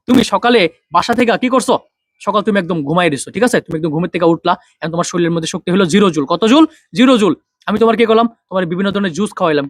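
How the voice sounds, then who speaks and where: Fast-talking young male physics tutor. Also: high-pitched, no room sound, clean studio sound. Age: young adult. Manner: quick, drills students with repeated questions and answers. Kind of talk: online physics lesson.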